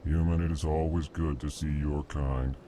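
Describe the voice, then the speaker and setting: A man playing a huge, polite video game alien who speaks in a slow monotone and announces his emotions. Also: very deep voice. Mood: placid, formal. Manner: slow monotone, states feeling before each sentence. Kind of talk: video game character dialogue. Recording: game music over the voice.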